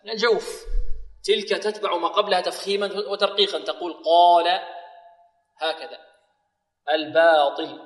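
A man teaching Quran recitation to students, asking them questions and reciting examples slowly and carefully. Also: high-pitched, bright, forceful tone, long reverb tail. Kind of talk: tajweed lesson with slow demonstrations.

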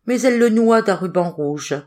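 A woman reading a folk tale aloud as an audiobook, with expressive, rising and falling narration. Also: medium pitch, normal speed. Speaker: audiobook reader. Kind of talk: storybook narration.

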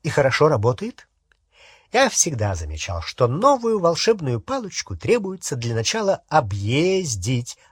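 Man playing a pompous dark wizard. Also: on the high side, wildly swooping pitch, moderate pace, husky, no room sound, clean studio sound, heavily acted. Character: arrogant adult male wizard, bewitched.

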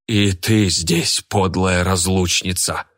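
A man's voice: deep voice, steady tone, takes it slowly, a bit bright, dry recording, clean studio sound, exaggerated voice. A man voicing a jealous, burly young woman who bellows and bosses everyone around. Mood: furious. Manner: bellowing and bossy.

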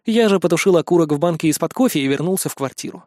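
A man's voice: fairly high pitch, animated, very fast, a little mellow, dry recording, clean studio sound. A man narrating an audiobook in the first person, wry and conversational.

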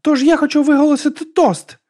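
A man voicing a tipsy, earnest young woman in a high, breathless voice for an audiobook. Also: brisk, dark tone.

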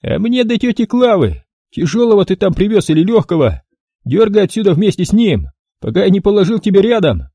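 A man's voice: sits high, sing-song, brisk, mellow, breathy edge, no room sound, voice pushed up, heavily acted. A man voicing a rude, hostile bald guard at a hospital door who snaps threats in an audiobook.

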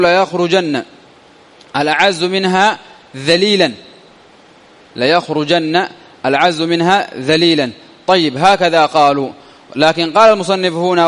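A man's voice: a little high, fairly bright tone, in a large hall. A man teaching a classical grammar lesson, often repeating key phrases and answering his own questions. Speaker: teacher explaining Arabic grammar.

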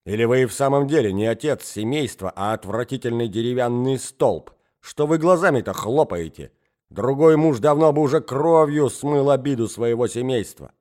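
A man's voice: fairly low pitch, very animated, normal speed. A man reading an audiobook, voicing a domineering provincial lady who scolds and shrieks in fury. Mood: shrill.

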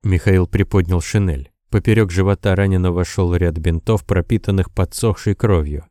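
A man narrates an audiobook in a steady, even storytelling voice. His tone is low and dark, and the recording is dry, with no room sound. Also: moderate pace, dry recording. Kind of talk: scripted narration.

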